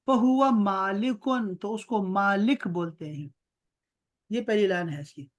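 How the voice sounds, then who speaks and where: A man with an Urdu accent teaching Arabic grammar in an online class, explaining patiently, slowly chanting verb patterns and checking that students follow. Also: high voice, animated. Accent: Pakistani Urdu.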